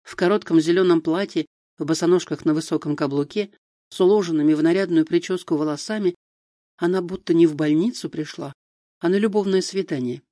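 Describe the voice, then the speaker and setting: A man reading an audiobook in a steady, expressive narration. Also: a little high, a little fast, no echo, clean studio sound. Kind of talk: scripted narration.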